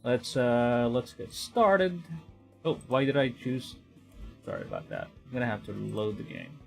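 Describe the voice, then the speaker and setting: A young Filipino man streams a game and chats casually in a mid-range, creaky, very animated but unhurried voice, with soft music behind him. He rambles, corrects himself as he goes, and quietly talks to himself.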